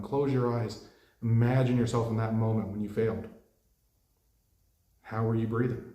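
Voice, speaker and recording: A man coaching players through a mental exercise, calm and direct, asking many questions. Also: mid-range voice, roomy sound. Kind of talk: guided coaching lesson.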